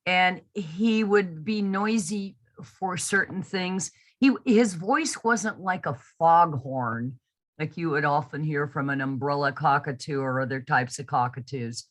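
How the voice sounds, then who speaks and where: A woman fostering a pet, telling stories about him slowly and fondly over a video call. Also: sits low. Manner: slow, warm, affectionate storytelling. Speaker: foster carer. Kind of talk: casual interview answers.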